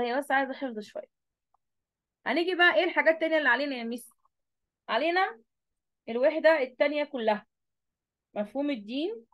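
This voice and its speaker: A woman teacher with an Egyptian Arabic accent giving an online review lesson, asking questions and answering them herself. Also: high voice.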